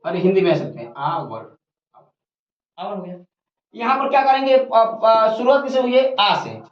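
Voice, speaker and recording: Lively-pitched tutor teaching grammar step by step, in an echoey room on dull, lo-fi audio. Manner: repeats each point, asks questions and answers them. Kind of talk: whiteboard grammar lesson. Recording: roomy, dull lo-fi recording.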